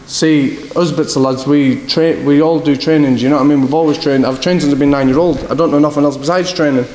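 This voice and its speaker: Recorded in an echoey hall with faint background noise, a young boxer from Scotland gives casual interview answers in a northeast English accent. His voice is mid-range and darkish. He rambles through his stories and keeps saying "do you know what I mean."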